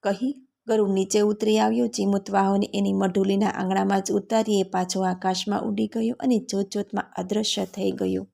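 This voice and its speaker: A woman narrates a traditional folk tale at a steady storytelling pace. Her voice is mellow and warm, with an ordinary, middle pitch. She speaks the characters' lines in her own voice instead of acting them out. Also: moderate pace, vocal fry.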